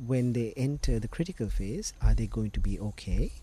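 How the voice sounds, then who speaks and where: Mellow low-voiced Sri doctor. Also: male voice, animated, a little hiss or hum. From Sri Lanka. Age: middle-aged. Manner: measured, patient explainer. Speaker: guest doctor. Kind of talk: medical explanation in a podcast interview.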